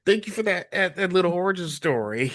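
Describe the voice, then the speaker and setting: A man hosting a relaxed interview in a dry, close sound. He speaks informally and emphatically, doubling back on phrases as he goes. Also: high-pitched, brisk, no echo. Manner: informal, emphatic, repeats himself. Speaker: interview host. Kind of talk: casual interview chat.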